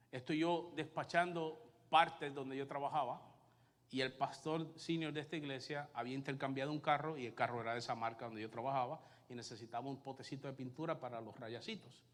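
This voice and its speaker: A male pastor with a Puerto Rican Spanish accent preaching a sermon and telling his own story, alternating loud emphasis with hushed asides. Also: medium pitch, moderate pace, big-room sound. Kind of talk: sermon with personal testimony. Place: church sanctuary.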